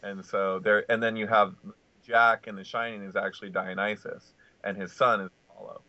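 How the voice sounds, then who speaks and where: A fairly low-pitched man talks haltingly, packing his sentences with "like" and stopping to restart them. His voice is bright, and the sound is dry and somewhat lo-fi. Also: flat delivery, no room sound. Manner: halting, heavy use of "like", many restarts. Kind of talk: casual chat. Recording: dry, lo-fi audio.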